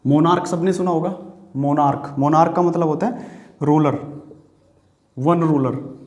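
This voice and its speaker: A man's voice: a little high, fairly even intonation, measured pace, a little mellow, reverberant, dull audio. A man with an Indian accent teaching exam-prep vocabulary, explaining patiently, repeating words and asking the viewer questions. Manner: writes on a board while talking.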